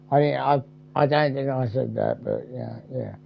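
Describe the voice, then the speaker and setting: A man's voice: mid-range voice, takes it slowly, vocal fry, muffled recording, slight background noise. A man giving casual, rambling gameplay commentary with crude jokes and heavy swearing. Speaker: gamer.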